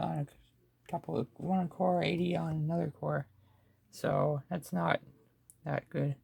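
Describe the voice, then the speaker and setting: A man with a high-pitched, gravelly voice and a dark tone casually narrates his computer tinkering and gameplay. As a hardware hobbyist vlogger making a self-narrated screen recording, he thinks out loud and often restarts what he's saying.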